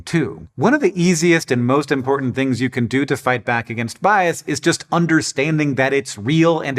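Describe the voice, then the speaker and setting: A man hosting a scripted educational show, explaining with emphatic, lively delivery. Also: medium pitch. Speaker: host.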